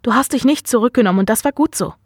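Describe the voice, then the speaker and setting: A woman reading the lines of a gaunt old father, gentle but quick-tempered, in an earnest way. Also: on the high side, husky, no room sound, studio quality. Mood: tender.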